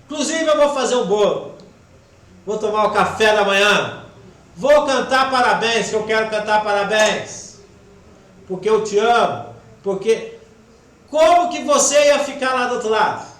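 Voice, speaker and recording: A man giving a devotional spiritist talk with a Brazilian Portuguese accent, emotional, swinging between loud urging and soft, hushed passages. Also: high voice, measured pace, long pauses. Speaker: spiritist lecturer. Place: spiritist center hall. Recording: echoey hall with faint background noise.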